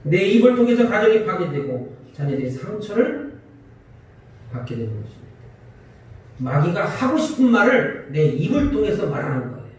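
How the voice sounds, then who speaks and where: A man's voice: high voice, moderate pace. A man preaching a Sunday sermon as pastor, asking the congregation questions and acting out quarrels. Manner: lively, asks the congregation questions and acts out quarrels. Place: church sanctuary. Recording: echoey church hall from far off.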